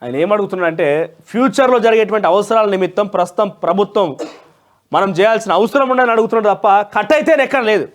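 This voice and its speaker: Speaking fast in a high voice, a man with a Telangana Telugu accent presents a newspaper review, emphatically and conversationally offering his own opinions as the news presenter.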